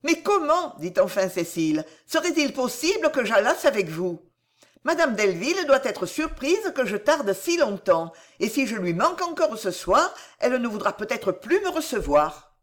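Earnest young heroine, high anxious voice, urgent pleading tone, woman narrator putting her on, storybook. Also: very animated, moderate pace. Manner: raised pitch, urgent and pleading. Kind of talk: audiobook character reading.

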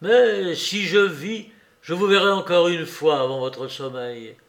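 A man voicing a passionate, defiant young man who speaks urgently and loudly, in an audiobook reading. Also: fairly high pitch, lively intonation, moderate pace. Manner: urgent, forceful, loud.

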